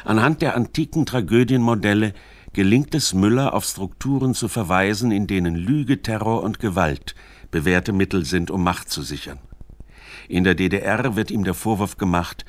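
In a low voice, a man reads a literary radio essay with formal, measured delivery. The recording is intimate and dry, lacking any room ambience.

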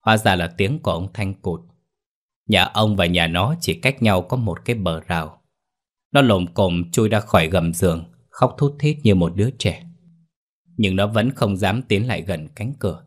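A man narrating a scripted ghost story in a steady storytelling delivery. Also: low voice, normal speed. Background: faint music.

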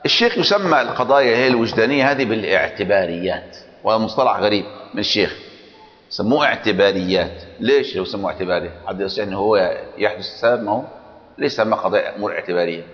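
A man's voice: lowish voice, animated, rapid-fire. A man teaching a logic class who keeps questioning his students and checking that they follow. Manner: questions students, repeats "clear or not?". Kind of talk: classroom lecture. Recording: muffled recording in a long-reverb hall.

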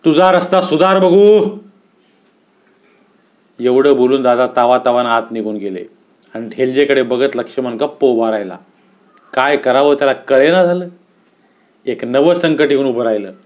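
A man reading a story aloud as narrator, with an expressive storytelling cadence. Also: mid-range voice, normal speed.

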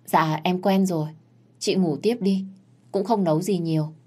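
A woman voicing a meek young female servant who answers softly and submissively. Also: fairly low pitch, moderate pace, close to an everyday voice.

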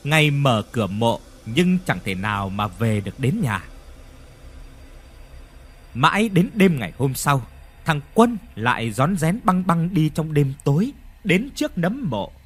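A man narrating a ghost story in an expressive, dramatic storytelling manner. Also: a little high, measured pace, breathy edge.

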